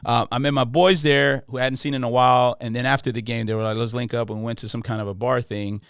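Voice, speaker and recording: Laid-back Los podcast host. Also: male voice, mid-range voice, flat delivery, fast, creaky, a bit bright, clear, resonant tone, no echo, clean studio sound. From Los Angeles. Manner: friendly, restarts phrases, slang-heavy. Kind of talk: casual interview chat.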